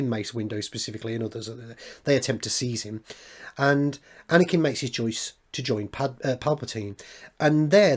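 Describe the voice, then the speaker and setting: A middle-aged man hosting a video essay, thinking aloud in an unscripted monologue with frequent restarts and fillers. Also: medium pitch.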